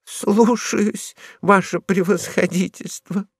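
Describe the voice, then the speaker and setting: A man's voice: sits high, fairly even intonation, takes it slowly, slightly rough, no echo, clean studio sound, voice pushed up, heavily acted. A man voicing a small, frightened, fawning male stray dog in a storybook reading, timid and servile.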